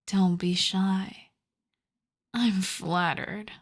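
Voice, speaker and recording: In an intimate ASMR roleplay, a woman voices a seductive vampire countess, stretching each word out very slowly in a steady, mid-range voice. She drifts between a soft tone and a half-whisper, teasing and possessive, issuing commands softened by endearments over a current of playful menace.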